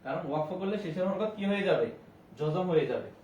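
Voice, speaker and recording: A man teaching an online Quran reading class. He names each letter and vowel mark, then draws the syllables out into slow recitation. His fairly high voice sounds a little off-mic in an echoey room, over a faint hiss. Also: animated, a little mellow, distant mic.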